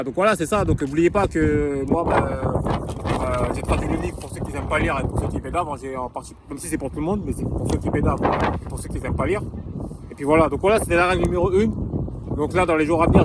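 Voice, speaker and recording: A young man from France casually talking in a vlog, rambling with street slang and lots of restarts, recorded outdoors in wind. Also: a little high. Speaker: vlogger sharing English-learning tips.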